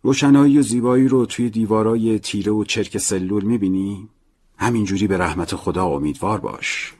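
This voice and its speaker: Gentle, paternal prison priest with a deep, low voice, as the male narrator reads him, soft and pleading, audiobook. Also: slightly rough. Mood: earnest.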